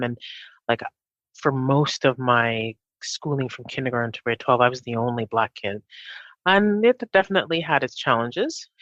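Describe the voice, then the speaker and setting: A middle-aged woman from Jamaica, raised in Canada. She is a guest in an interview and talks in a chatty, animated way, with quick restarts. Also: a bass voice, no room sound. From Jamaica, raised in Winnipeg, Canada. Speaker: guest, executive director of a health clinic. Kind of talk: casual interview talk. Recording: dull, muffled sound.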